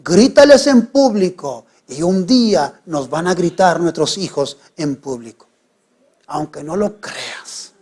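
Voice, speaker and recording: A middle-aged male pastor, preaching a sermon. He swings from hushed, quiet lines to sudden loud, raised ones. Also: fairly high pitch, expressive, slow, slightly rough.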